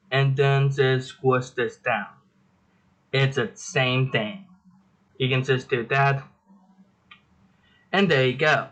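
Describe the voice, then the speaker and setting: A man's voice: mid-range voice, fairly bright tone, rough recording. A young man hosting a casual drawing tutorial, chatty and self-deprecating as he rambles through his steps.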